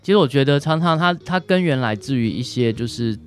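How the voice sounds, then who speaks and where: Faint music plays behind a doctor being interviewed, a man with a Taiwanese Mandarin accent. He explains hesitantly, peppering his speech with tag particles, in a medium-pitched, expressive voice at a fairly quick pace.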